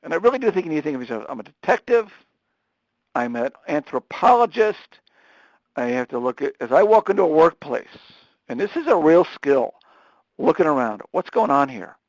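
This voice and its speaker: A man giving a live webinar lecture, talking fast and animatedly with frequent restarts. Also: on the high side, very animated, dry recording, lo-fi sound. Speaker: webinar presenter on supported employment.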